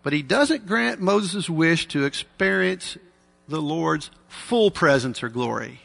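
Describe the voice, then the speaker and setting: Man at a pulpit microphone, gravelly. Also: fairly high pitch, expressive, fairly bright tone. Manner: measured, earnest, with dry asides. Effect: preaching into a pulpit microphone. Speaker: preacher. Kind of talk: sermon. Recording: long reverb of a large hall.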